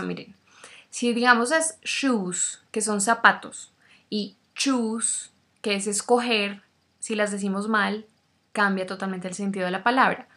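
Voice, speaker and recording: A woman and native Spanish speaker teaching English pronunciation, speaking slowly and demonstrating each sound over and over. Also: mid-range voice, a bit bright. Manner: slow, demonstrative, repeats sounds. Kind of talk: pronunciation lesson.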